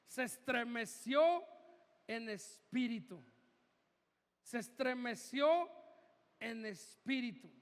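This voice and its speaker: A man's voice: very high-pitched, animated, slow pace, long pauses. A man with a Mexican Spanish accent, preaching a sermon as pastor in a church, conversational and joking with the congregation. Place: church hall. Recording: reverberant hall.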